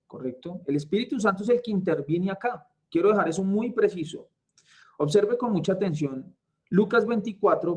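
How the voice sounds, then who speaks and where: A man tutoring a Bible class, teaching slowly and deliberately, repeating key points and checking in with his students. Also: sits high, warm tone. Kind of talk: online Bible lesson.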